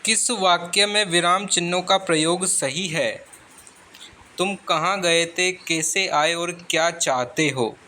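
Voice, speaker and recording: A man's voice: sits high, bright, forceful tone, slight background noise. A man working as an exam tutor, reading out grammar questions and their answers. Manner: slow, deliberate reading of options.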